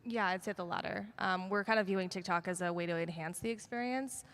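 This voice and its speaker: On a conference stage, a woman on a panel about social media sports partnerships speaks casually with lots of filler ums. Her voice sits on the low side, fairly quick and fairly bright, with the long reverb of a conference hall.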